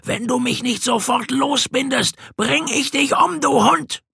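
A man voicing a desperate, raging Greek king in a storybook, shouting commands. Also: medium pitch, animated, moderate pace, slightly rough, no echo, clean studio sound. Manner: shouted, commanding, frantic pleading.

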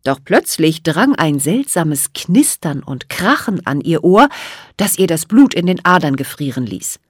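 Lively woman reading a storybook. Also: low-pitched, measured pace, slightly rough, no room sound, studio quality. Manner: expressive, dramatic reading. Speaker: audiobook narrator. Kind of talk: storybook narration.

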